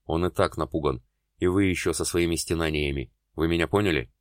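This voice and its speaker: A man's voice: low voice, fairly quick, no echo, clean studio sound, close to an everyday voice. Man reading a curt, commanding surgeon. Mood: harsh. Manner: curt, barking orders. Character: stern male neurosurgeon, commanding under pressure.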